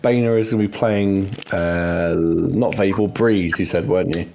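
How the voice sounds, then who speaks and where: A man's voice: sits low, unhurried, vocal fry, warm tone, soft background music. A man running an online tabletop game as game master, hesitant with many fillers, over a video call.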